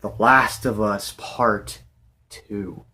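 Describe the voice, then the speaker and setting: A man's voice: lowish voice, steady tone, extremely slow, sharp tone. A man giving casual, unscripted video game commentary as a vlogger, in an overexcited, gushing way, often repeating himself.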